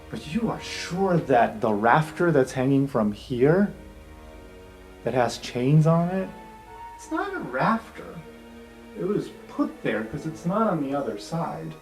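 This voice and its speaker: Narrating an improvised tabletop game, this game master talks slowly but very animatedly in a medium-pitched voice. It's a casual, conversational delivery peppered with swearing, captured in a roomy space with music playing beneath.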